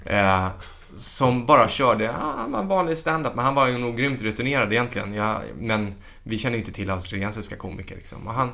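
A man in casual chat who tells comedy anecdotes with lively acted-out bits and frequent swearing. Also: mid-range voice, creaky, hardly any pauses. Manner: animated storyteller, swears freely, acts out jokes.

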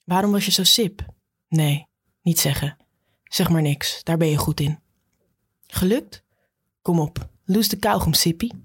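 A woman putting on a cheeky young woman, teasing and bossy, in a husky, low-pitched voice that jumps up when she mocks. The reading is close and dry, with no room sound. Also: a little slow, pauses often, dry recording. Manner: playful, mocking and bossy. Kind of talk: audiobook character voice.

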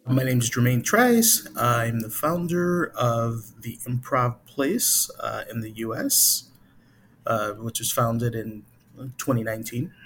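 A man's voice: mid-range voice, slight background noise. A middle-aged man from Chicago with an American accent, talking hesitantly and casually as an interview guest. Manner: halting, hesitant, thinking aloud. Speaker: interview guest, improv company founder.

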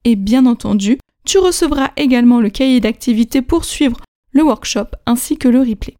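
A woman hosting a podcast language lesson, explaining pronunciation clearly and slowing down to spell out examples. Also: a little high. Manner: lively, clear teaching with slow, spelled-out examples. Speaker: French teacher and podcast host.

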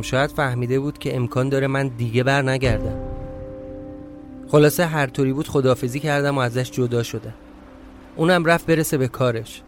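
A man narrates a first-person audio drama in a confiding, personal way, and his calm reading breaks into flustered outbursts when tension rises. His voice sits in an ordinary middle range. Faint music plays underneath. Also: mid-range voice. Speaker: narrator and reader.

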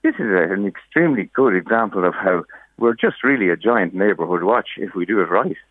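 A man's voice: lowish voice, lively intonation, a little fast, dry recording. An Irish man in his sixties telling a casual anecdote in a chatty, folksy way as a radio guest. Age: 60s. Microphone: phone call. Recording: narrow-band phone line on radio.

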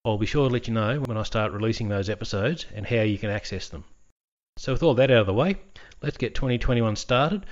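A man hosts a history podcast, slipping dry, wry asides into his narration. His voice sits fairly low. The audio sounds a little dull and lo-fi. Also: a little fast. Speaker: podcast host.

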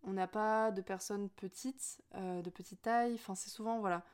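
A woman's voice: medium pitch, steady tone, moderate pace. A young woman of Spanish and Portuguese family speaking in a personal, reflective monologue, hesitant with many fillers and restarts.

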